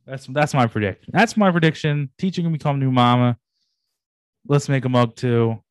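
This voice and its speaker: A man's voice: medium pitch, moderate pace, smooth, no echo, clean studio sound. A young man co-hosting a podcast, chatting casually and animatedly with lots of slang and casual swearing. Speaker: podcast co-host. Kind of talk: casual chat reviewing anime.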